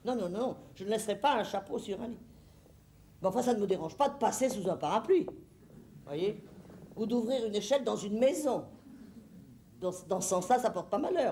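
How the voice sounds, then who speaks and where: A woman's voice: mid-range voice, animated, brisk, dark tone, natural voice. A woman playing a fussy, flustered stage hostess. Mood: rambling. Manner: theatrical, fussy, rambling, talks to the audience. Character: flustered middle-aged hostess Françoise Lumière. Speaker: stage actress. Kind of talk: stage comedy monologue. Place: theatre stage.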